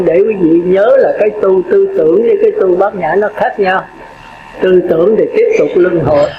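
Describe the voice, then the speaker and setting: An older monk preaches in a high, folksy voice. He chats, laughs and quizzes his listeners. The recording is dull and echoey, with steady noise underneath. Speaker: Buddhist monk teacher. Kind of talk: dharma talk sermon.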